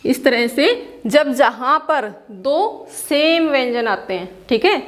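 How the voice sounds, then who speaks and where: This woman teaches her school class slowly, her high voice lively in intonation, as she patiently explains in Hindi laced with English and answers her own questions.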